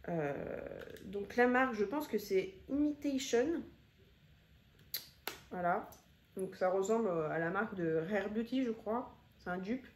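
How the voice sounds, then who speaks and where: A woman's voice: medium pitch, animated, measured pace, darkish tone, a little hiss or hum. Chatty woman reviewing makeup, echoey room. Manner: chatty, repeats words for emphasis, many fillers. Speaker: beauty vlogger. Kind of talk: casual product review chat. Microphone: phone camera.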